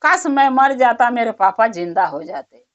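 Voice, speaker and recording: Woman playing a tearful, pleading young son, high voice, dull lo-fi audio. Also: animated, moderate pace, lightly acted. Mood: crying. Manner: crying, pleading. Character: young son crying for his father. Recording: dull lo-fi recording.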